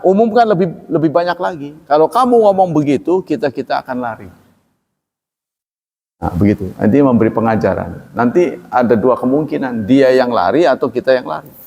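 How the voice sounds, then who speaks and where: A man's voice: medium pitch, a little mellow, in a large hall. A man teaching at a religious study gathering, explaining Arabic terms in a loose, conversational way and asking the audience questions. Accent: Indonesian, from Banten region. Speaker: Islamic teacher.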